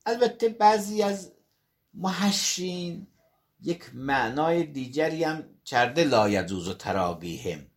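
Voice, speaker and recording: A man giving a classroom lecture in a husky, slightly breathy voice. His pitch rises and falls a lot as he reads a passage aloud and then unpacks it phrase by phrase. He often stops to rephrase or correct himself mid-sentence. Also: big pitch swings. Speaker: teacher of religious jurisprudence.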